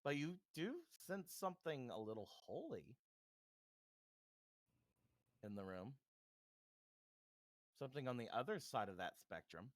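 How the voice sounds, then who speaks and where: Brief: laid-back game master narrating, animated voice, dry mic. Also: male voice, medium pitch, dry recording. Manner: relaxed, halting with fillers.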